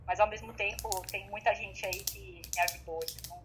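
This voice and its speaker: A woman, a medical student, chatting casually on a phone line, talking in halting bursts with lots of fillers and laughter. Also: medium pitch, steady tone, slight background noise. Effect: heard over a phone line. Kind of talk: casual group chat on a call.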